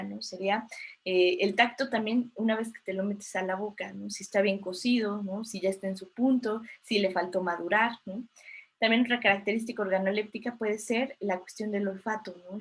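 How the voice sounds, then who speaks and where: A woman with a Mexican Spanish accent lectures in an online class. She walks through each point patiently, checking in with tag questions and pausing on fillers between phrases. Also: mid-range voice. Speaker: teacher.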